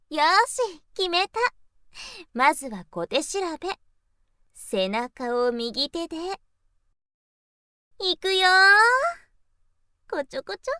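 A woman's voice: high voice, big pitch swings, slow pace, pauses often, fairly bright tone, no room sound, clean studio sound, full character voice. A woman voicing a teasing, playful older sister in an intimate audio role-play, coaxing in a sing-song way. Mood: playfully mischievous.

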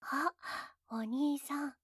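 A woman's voice: sits high, steady tone, very slow, no room sound, clean studio sound, full character voice. A woman playing a sweetly scornful teaser. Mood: teasing. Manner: sweetly polite yet scornful teasing; drops into soft whispers. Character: teasing, mocking adult woman, girlfriend's younger sister. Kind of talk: intimate audio role-play.

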